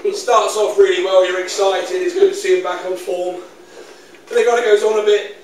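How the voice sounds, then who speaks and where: A British comedian jokes about his own show in a dry, self-mocking way, with a fairly high voice. The sound is distant and very echoey, with a faint hiss underneath. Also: flat delivery, a little fast. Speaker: co-host, comedian. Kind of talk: comic stage banter. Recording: echoey stage mic from far off.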